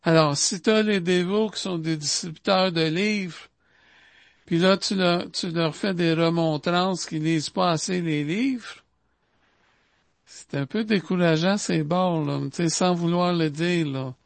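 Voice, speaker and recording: This man's voice sits high and sounds creaky, with no echo in the recording. Speaking Québécois French, he delivers an informal spiritual talk in a conversational way, circling back through repetitions and tossing in frequent asides to fill pauses.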